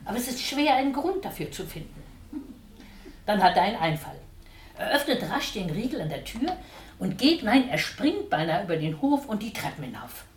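A woman reading a children's book aloud in an expressive, lively way. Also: mid-range voice, normal speed, slight background noise. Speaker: storyteller. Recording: roomy echo.

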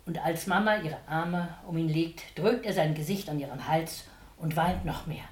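A woman's voice: deep voice, normal speed. Woman reading a children's story aloud. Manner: expressive, lively reading. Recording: roomy echo.

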